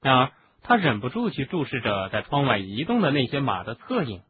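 A man narrating an audiobook in an expressive storytelling manner. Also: mid-range voice, brisk. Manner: expressive, doing voices for each character. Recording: narrow phone-like sound, faint hiss.

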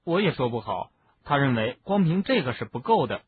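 A man's voice: mid-range voice, very animated, fairly quick, slight background noise, close to an everyday voice. A man reading a chatty teenage boy wizard. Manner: chatty, explaining at length. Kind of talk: audiobook reading. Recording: narrow phone-like lo-fi sound.

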